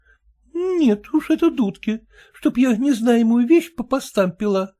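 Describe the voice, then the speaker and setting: A man voicing a quarrelsome, pious merchant's wife in a shrill, protesting voice. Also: expressive, a little slow, mellow. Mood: indignant.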